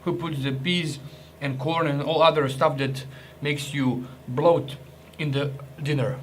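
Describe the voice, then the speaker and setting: A man's voice: on the high side, fairly even intonation, a little slow, slight background noise. Joking man tasting rations. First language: Croatian. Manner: chatty, joking, restarts and hesitations. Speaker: ration reviewer. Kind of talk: casual food review vlog.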